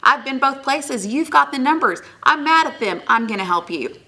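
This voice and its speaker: A woman voicing a blunt, persuasive male explorer leader, her voice lifting in pitch. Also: lively intonation, moderate pace, sharp tone, heavily acted. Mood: scheming.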